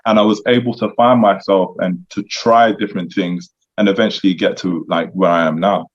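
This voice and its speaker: A man mentoring young men in a relaxed chat, reflective and conversational, with lots of "you know" asides. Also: deep voice, moderate pace. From United Kingdom. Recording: dull lo-fi sound.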